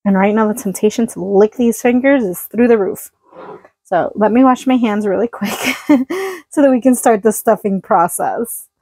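Cooking in a tiny trailer kitchen, a woman vlogger talks casually to the camera and laughs a lot as she goes. She has a mid-range, dark, husky voice at a moderate pace. The recording is rough but echo-free, from a phone-plugged mic by the counter.

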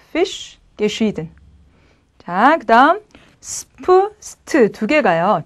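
Lively-voiced woman teaching pronunciation. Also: fairly high pitch. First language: Korean. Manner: patient, repeats each word slowly for students. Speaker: German language teacher. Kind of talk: pronunciation lesson.

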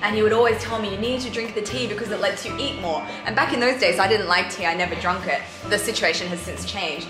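A woman's voice: mid-range voice, fast talker, few pauses. A young woman hosting a food vlog, chatty and enthusiastic, laughing often. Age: young adult. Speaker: food vlogger. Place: indoor restaurant dining room. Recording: roomy, with music behind.

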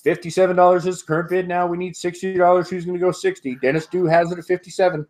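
A middle-aged man, pitched slightly high for a male voice, talks fast as he hosts a live web auction from a home room decorated with sports memorabilia. He chants bids in a steady, repeating cadence and keeps laughing between them, all picked up by an earbud headset over a video call.

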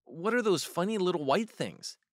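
A man's voice: sits high, expressive, moderate pace, no room sound, studio quality, voice pushed up. A man reading a storybook aloud and voicing a polite, curious little farm girl asking earnest questions.

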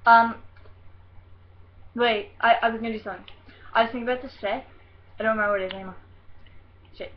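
A woman's voice: fairly high pitch, steady tone, fast, long pauses, highs cut off. Hyper rambling teenage girl on webcam. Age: teens. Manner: rambling, giggly, hyper, scattered. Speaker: vlogger answering questions. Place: bedroom at home. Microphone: computer webcam mic.

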